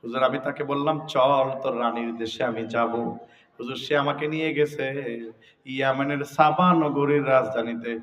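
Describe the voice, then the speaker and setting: A man's voice: medium pitch, steady tone, a little slow, a bit bright, big-room sound, highs cut off, pitched below the performer's own voice, natural voice. A man voicing a humble male hoopoe bird who earnestly reports to a king, heard from far off the mic. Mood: deferential. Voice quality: earnest, deferential, pleading.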